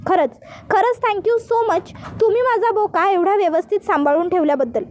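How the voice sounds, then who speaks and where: A woman voicing a polite, grateful young daughter-in-law who speaks softly. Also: very high voice, normal speed, slight background noise.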